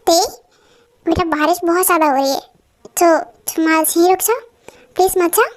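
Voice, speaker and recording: A woman's voice: very high-pitched, normal speed. A young woman voicing an affectionate, bossy mother in an amateur Hindi fan dub, talking firmly and insistently. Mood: caring. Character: warm bossy middle-aged mother, the household's boss.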